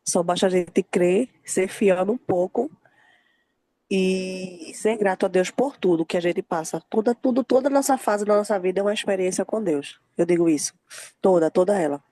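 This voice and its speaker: A woman's voice: mid-range voice, moderate pace, dry recording. A young woman sharing a faith testimony, acting out the voices of the people in her story. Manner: lively storytelling, acting out quoted dialogue. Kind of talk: emotional faith testimony in a group call.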